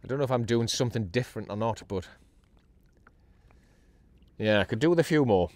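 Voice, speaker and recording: A chatty man from North East England gives casual fishing vlog commentary while out on a kayak at sea, recorded by an action camera mounted on the boat. His medium-pitched voice is brisk and the recording dry. He stays upbeat, with excited bursts whenever a fish is on the line.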